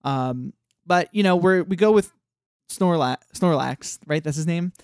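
A podcast co-host talks through a cartoon episode in a loose, rambling way, full of "like" fillers and bits of acted-out dialogue. The voice sits at a middle pitch. The recording is dry and close. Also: lively intonation, normal speed, a little mellow, clear, resonant tone, dry recording. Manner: acts out quoted lines. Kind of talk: casual chat recapping a cartoon episode.

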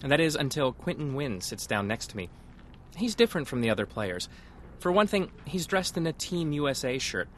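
A man's voice: a little high, very animated, fairly quick, a bit bright, slight background noise. A man reporting for public radio, moving between scripted feature narration and field interviews.

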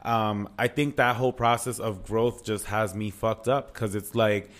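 A man's voice: lowish voice, steady tone, measured pace. Candid, slangy man co-hosting a podcast. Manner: candid, slangy, heavy swearing. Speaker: podcast co-host. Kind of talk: casual chatty podcast talk.

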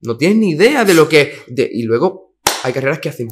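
A man's voice: a little high, big pitch swings, a little fast, breathy edge. A man from Cádiz, a singer-songwriter guest talking casually and emphatically in an interview, full of slang and mild swearing. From Cádiz, Spain.

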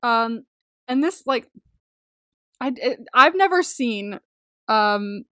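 A young woman co-hosting a podcast, chatting casually and excitably, gushing, swearing freely and rambling with lots of "like". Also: on the high side, takes it slowly, dry recording, clean studio sound. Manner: rambling, peppered with "like". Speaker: podcast co-host. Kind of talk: casual chat about a TV series.

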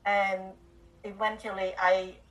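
A woman's voice: medium pitch, flat delivery, takes it slowly, distant mic, poor audio. An older woman from Cambodia, a guest author and speaker, earnestly telling her life story in an interview, with simple phrasing and small grammar slips.

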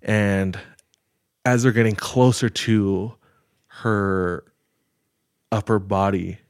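Podcast host type: man with a low voice, slow and measured, dry close mic. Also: clear, resonant tone, dry recording. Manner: measured, retelling with filler words. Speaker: podcast host telling a story. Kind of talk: casual storytelling chat.

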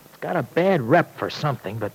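Uneducated, loyal young city fellow; slangy, lively radio serial delivery. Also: male voice, a little high, a little fast, gravelly, husky, exaggerated voice, low-quality recording. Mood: wary, protective. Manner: slangy, plainspoken, ungrammatical. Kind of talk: old radio soap acting.

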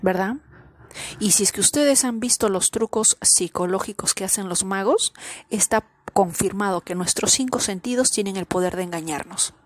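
A woman hosting a spiritual podcast, speaking slowly and deliberately and pressing her listeners with repeated rhetorical questions, at times dropping to a whisper. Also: mid-range voice, no room sound. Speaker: podcast host. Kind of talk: reflective spiritual monologue.

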